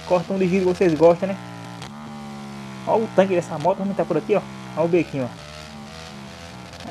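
A man's voice: sits high, darkish tone, slight background noise. A young man with a Brazilian accent hosting a motorcycle vlog, talking in a hyped, slangy way and tagging his sentences with little filler words. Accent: Brazilian Portuguese. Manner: hyped, slangy, repeats tag words like "né" and "hein". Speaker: motovlog host. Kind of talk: excited vlog commentary.

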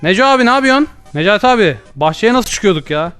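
A young man rattles off jokey gameplay commentary at a quick clip. His voice sits high and jumps into loud comic outbursts. Faint music plays beneath him. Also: animated, clear, resonant tone. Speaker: gaming YouTuber.

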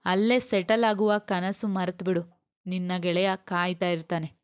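A woman's voice: on the low side, flat delivery, unhurried, smooth, close to an everyday voice. A woman voicing a stern, loyal male friend who lectures bluntly over the phone. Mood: scolding.

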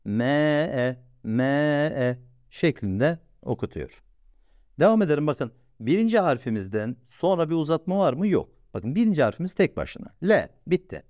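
A man teaching a recorded reading lesson, patiently repeating sounds slowly and asking and answering his own questions. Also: mid-range voice, big pitch swings, a little mellow, no room sound, dull audio.

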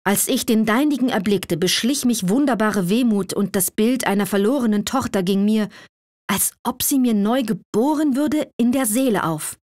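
A proud old sultan, stern and quick to fury, barks his commands in an audiobook fairy tale, read by a woman. The voice is close and dry, with no room sound. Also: a little mellow, no echo, lightly acted. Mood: pleading. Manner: commanding, booming outbursts.

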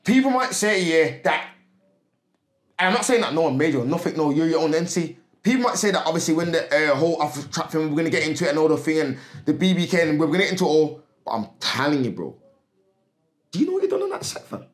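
A man's voice: on the high side, lively intonation, quick pace. A man telling stories in a casual, slangy way as a podcast guest, often repeating himself. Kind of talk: casual storytelling chat. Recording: roomy echo.

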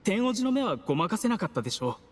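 A man's voice: high voice, big pitch swings, fast talker, in a large hall, slight background noise. A man voicing a timid, scheming official in an anime game, speaking in an obsequious, humble and apologetic manner. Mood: modest. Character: timid, servile male official, meek scheming poisoner.

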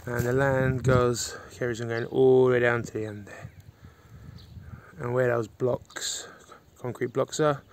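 A man in his thirties films a casual property tour on a phone held at arm's length, walking around rural land and then into a farmhouse while pointing things out. His medium-pitched voice is level and measured, with a little hiss or hum in the audio.

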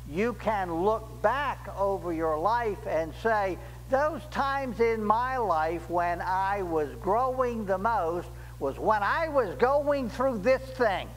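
An older man preaching a sermon as pastor in a church, slow and deliberate, rising emphatically on key words, recorded at a pulpit microphone. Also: high-pitched, in a large hall, slight background noise, poor audio. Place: church sanctuary.

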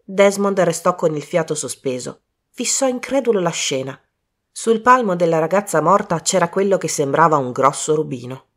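Low-voiced woman narrating a story. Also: lively intonation, moderate pace, a bit bright. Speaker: audiobook narrator.

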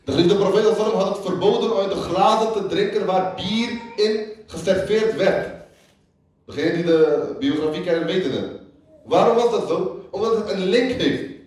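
A man's voice: high-pitched, a little mellow. A man giving a sermon as a religious lecturer, who repeats lines for emphasis and half-sings quoted lyrics. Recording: echoey hall, voice picked up from far off.

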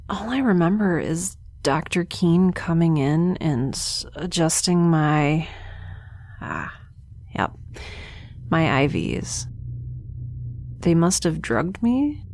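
An actress with a lowish, slightly mellow voice performs an audio drama in a heavily acted, very animated way, speaking at a slow pace. She plays a sarcastic young woman stranded in space who narrates her own audio log, and her mood and manner are wry and sarcastic.

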